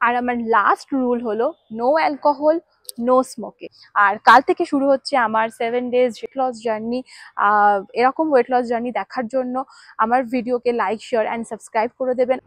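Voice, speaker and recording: A woman's voice: a little high, steady tone, normal speed, a bit bright, dry recording, low-quality recording. A woman, a vlogger laying out her rules step by step at home, slipping English words in. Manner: lists rules step by step, mixing English into Bengali. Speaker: fitness vlogger. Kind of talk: scripted-sounding vlog explainer.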